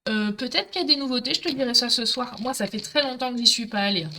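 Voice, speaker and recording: A woman's voice: on the high side, quick pace, pushed and bright, slight background noise. A middle-aged woman with a Marseille accent, chatting with viewers while she demonstrates a craft project live. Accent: Marseille French. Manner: chatty, talkative, addresses viewers directly.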